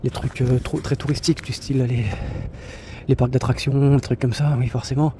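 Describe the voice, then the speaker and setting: Talking at a normal speed in a warm, mid-range voice with little pitch movement, a man gives a casual monologue about traveling solo. He's a travel vlogger who rambles, leaning on fillers, restarts and blunt slang, with slight noise in the background.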